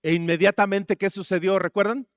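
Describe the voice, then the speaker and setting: Male pastor, high voice, dry close sound, questions to the congregation. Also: fairly even intonation, a little fast, no room sound. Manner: asks the congregation questions and jokes between points. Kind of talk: sermon.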